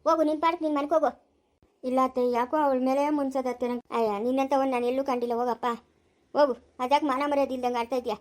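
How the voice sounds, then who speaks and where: A woman with a rural Chikkaballapura Kannada accent plays a sharp-tongued village mother-in-law who scolds and shoos people off bluntly in a home-made family skit. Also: high-pitched, steady tone, fast talker, lightly acted. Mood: scolding.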